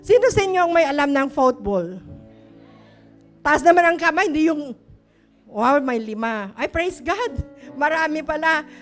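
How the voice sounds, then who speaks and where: A woman's voice: high-pitched, animated, unhurried, pauses often, faint music behind. A middle-aged woman pastor, preaching a chatty, story-filled sermon that often questions the congregation. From Philippines.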